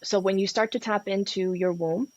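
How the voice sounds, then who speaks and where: Her mid-range voice keeps a fairly even intonation at normal speed, with a darkish tone on a lo-fi recording. She's a sex and relationship coach from Peru, guesting on a podcast interview and talking frankly and passionately, swearing as she goes.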